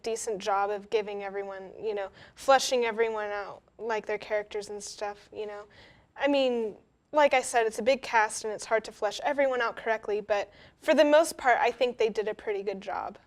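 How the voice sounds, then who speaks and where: A woman's voice: fairly high pitch, normal speed. A young woman co-hosting a casual film review, easygoing and agreeable, laughing often and leaning on fillers. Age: young adult.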